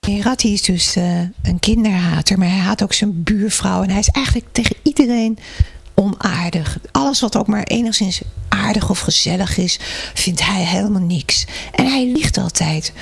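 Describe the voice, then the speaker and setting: A woman telling children about a character from her own book, in a lively storytelling manner. Her voice is gravelly and very husky, at a middle pitch. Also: normal speed, dry recording. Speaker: children's author.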